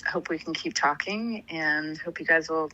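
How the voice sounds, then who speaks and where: A woman's voice: low-pitched, normal speed, sharp tone, dull audio. A woman guest on a remote podcast call, chatting casually with many ums, restarts and frequent laughs. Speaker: guest, arts organization director. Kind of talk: casual interview chat.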